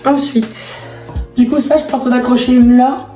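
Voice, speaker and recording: Hoarse, raspy woman vlogger, fairly high-pitched. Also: steady tone, moderate pace, mellow. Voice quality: raspy, strained from laryngitis. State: hoarse, voice nearly lost. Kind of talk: casual chat to viewers. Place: echoey room indoors. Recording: echoey room with background music. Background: music.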